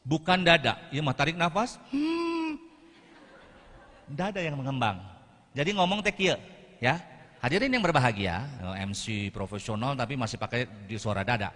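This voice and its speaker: A man leads a live audience through breathing drills in a bright, forceful voice. He speaks to the audience directly and often drops in Islamic interjections. The sound is a TV studio broadcast with a long reverb tail. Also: high voice. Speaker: motivational speaker. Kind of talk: lively motivational talk with breathing exercises.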